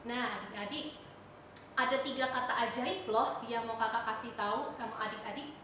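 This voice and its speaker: A young woman leading a Sunday school lesson for children, talking in an animated, sing-song way. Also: a little high, moderate pace, very echoey, far from the mic, a little hiss or hum, rough recording. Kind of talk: children's sermon.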